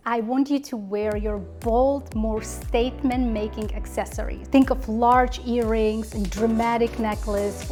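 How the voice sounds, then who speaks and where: A woman giving polished instructional advice as an etiquette coach, with prim, measured, precise enunciation. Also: fairly high pitch, a little mellow.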